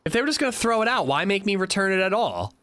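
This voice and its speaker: A man from Pennsylvania, a streamer talking casually with chat while playing a game, animated and swearing freely. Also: sits high, fast talker. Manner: animated, profane, reacting to chat. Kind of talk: casual gaming livestream chat.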